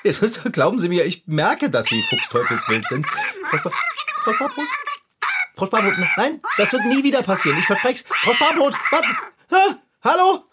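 A woman's voice: mid-range voice, wildly swooping pitch, brisk, hardly any pauses, very noisy. A woman voicing a good-natured, easily flustered male bicycle mechanic who chatters and laughs nervously. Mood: nervös. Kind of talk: hobby audio drama acting.

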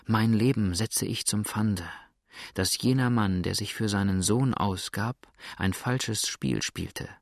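A man voicing an anxious young widow, soft and hushed. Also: fairly low pitch, takes it slowly, vocal fry, no room sound, clean studio sound. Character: frightened grieving young widowed woman.

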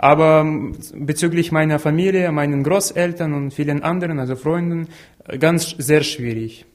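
A young man from Ukraine speaks in a slightly high voice. He talks earnestly, pausing and restarting, and makes small slips in his grammar as he answers interview questions. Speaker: interview guest, law student. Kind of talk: personal interview talk.

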